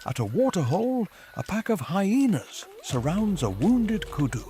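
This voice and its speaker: A man reads scripted nature documentary narration in a measured, formal storytelling manner. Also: sits high, big pitch swings. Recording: music behind the voice. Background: background music.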